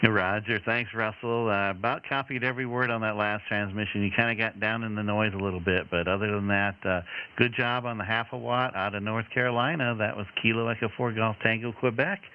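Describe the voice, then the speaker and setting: A man's voice: lowish voice, steady tone, brisk, smooth. A man acting as amateur radio net controller, giving signal reports in encouraging, repetitive procedure talk over two-way radio. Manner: encouraging, repeats himself. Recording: muffled radio audio, loud static.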